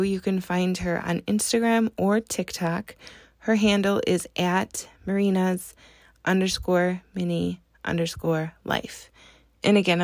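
A woman's voice: on the low side, vocal fry, dry recording, clean studio sound. An American woman speaking casually and conversationally as she introduces her podcast episode. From Wisconsin, United States. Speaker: podcast host.

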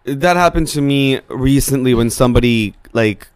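A man's voice: medium pitch, normal speed, clean tone, no echo. A man co-hosting a casual podcast chat, making wry, teasing remarks. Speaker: podcast co-host.

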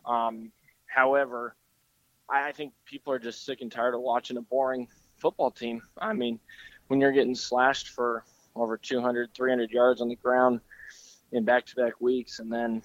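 A man co-hosting a casual sports podcast, his voice hoarse from yelling, talking in a relaxed, agreeable way with many fillers. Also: mid-range voice, normal speed, no echo. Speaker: podcast co-host. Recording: slightly dull lo-fi sound.

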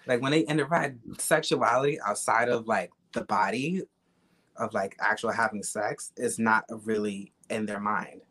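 A man's voice: on the low side, normal speed, fairly bright tone, husky. A young man speaks. His talk is casual and candid, full of slang and swearing, and he drives points home by repeating them. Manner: emphatic, repetitive, slangy and profane.

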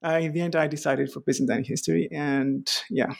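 A man's voice: fairly high pitch, steady tone, fairly quick, vocal fry, darkish tone. A man from Greece, a historian guest on a podcast interview, speaking with many fillers and restarts.

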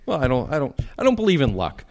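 A man co-hosting a podcast in loose, rambling chat. His voice moves around a lot in pitch, and he keeps stumbling over and repeating his words. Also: huge pitch swings, fast, a little mellow, slight background noise. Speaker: podcast co-host. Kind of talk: casual chat.

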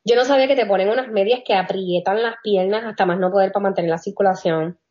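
A woman from telling a personal story in a casual chat, animated, laughing often and mixing in English phrases. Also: medium pitch, quick pace. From Puerto Rico. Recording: dull lo-fi audio.

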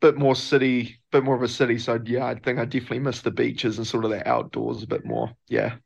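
A man's voice: mid-range voice, lively intonation, fast talker, vocal fry, muffled recording. A young man with a New Zealand accent, a professional rugby player answering interview questions in a loose, laid-back way. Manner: laid-back, loose, lots of filler phrases.

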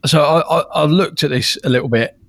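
A man's voice: on the high side, brisk, a bit bright, dry recording, studio quality. A man on a fan podcast talking football in a casual, thoughtful way, often restarting his sentences. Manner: thoughtful, repeats words when starting. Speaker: podcast co-host.

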